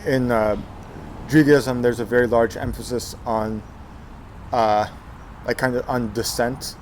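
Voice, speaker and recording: Recorded with slight background noise, this interview guest speaks at medium pitch in a steady, unhurried way. He's a man in his twenties from Texas, USA, casually recounting his life story with plenty of fillers and restarts.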